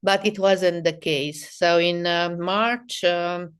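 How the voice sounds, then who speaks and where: A woman from Romania talks slowly and thoughtfully on a video call. Her voice is smooth and clear and sits fairly low, and she often pauses to search for the right English words. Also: fairly even intonation. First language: Romanian and Hungarian. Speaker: guest psychologist. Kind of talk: live interview over video call.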